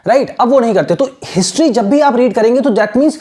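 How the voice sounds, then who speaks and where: A man teaching an English lesson in mixed Hindi and English, asking rhetorical questions and repeating words slowly to show how they are pronounced. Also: extremely high pitch, lively intonation, mellow. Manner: asks rhetorical questions and answers them.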